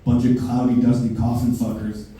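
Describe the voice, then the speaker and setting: A man performs a stand-up set in a basement club room before a live audience, ranting brashly and profanely. His medium-pitched voice comes at normal speed with flat delivery, and the recording is very echoey, with the mic far off and faint hiss.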